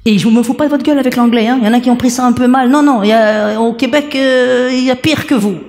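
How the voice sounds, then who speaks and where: A man doing a stand-up comedy routine, telling a story with lots of animation. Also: quick pace. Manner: high-pitched animated storytelling. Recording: reverberant venue from afar, noisy.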